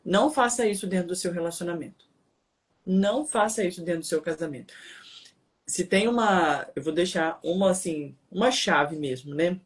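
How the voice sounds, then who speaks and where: A woman's voice: on the low side, moderate pace. Emphatic preachy Brazilian woman. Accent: Brazilian Portuguese. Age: adult, married. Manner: preachy, emphatic, fires rhetorical questions. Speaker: co-host.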